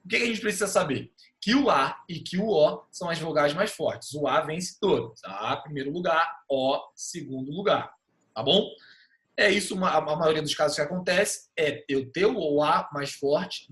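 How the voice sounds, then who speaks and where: Brazilian male teacher, slightly higher voice, patient and step by step, online class. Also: a bit bright. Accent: Brazilian Portuguese. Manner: patient, checks understanding with frequent "tá bom?".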